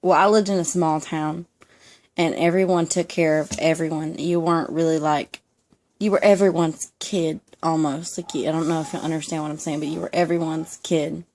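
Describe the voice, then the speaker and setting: This is a young woman with a deep, darkish voice, fairly even intonation and a moderate pace, heard over slight background noise. A vlogger from the Southern United States with a Southern American accent, she talks casually to camera in a home room while a dog sits nearby. She rambles with lots of ums and often laughs.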